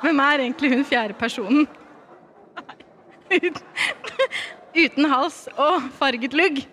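A woman's voice: high-pitched, a bit bright, slight background noise. A Norwegian woman co-hosting a podcast, tossing out teasing quips and roasting herself. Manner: quick teasing quips, giggles through jokes. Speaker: podcast co-host. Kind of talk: casual chat, comic self-roast.

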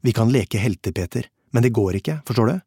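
A man's voice: medium pitch, expressive, mellow, husky, dry recording, clean studio sound. A man voicing a stoic, fatalistic soldier comrade. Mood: resigned.

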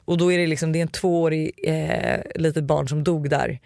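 A man's voice: fairly high pitch, gravelly, no echo, clean studio sound. A man on a podcast, casually telling an eerie personal story, acting out the quoted lines. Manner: animated storyteller, acts out quotes. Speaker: podcast host. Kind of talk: casual podcast chat, telling ghost stories.

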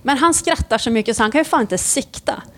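A woman, a police officer, animatedly telling a story in casual conversation and swearing freely. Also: fairly high pitch. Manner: lively, swears freely, acts out scenes.

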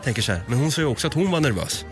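Animated man telling a story. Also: medium pitch, faint music behind. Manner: animated, acts out both sides of the story. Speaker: podcast co-host. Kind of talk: casual storytelling chat.

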